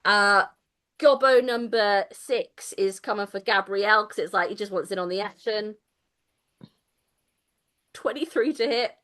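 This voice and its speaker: A woman narrating as game master of a tabletop game, playful and quick to laugh. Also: medium pitch, fairly bright tone. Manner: playful, laughs often, drops into silly character voices.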